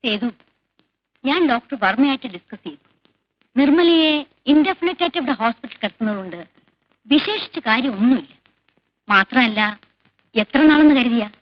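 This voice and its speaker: A gentle, high-voiced caring woman. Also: no room sound. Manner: soothing with the child, plain and reasoned with adults. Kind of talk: 1980s film drama. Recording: dull 1980s film soundtrack with faint music.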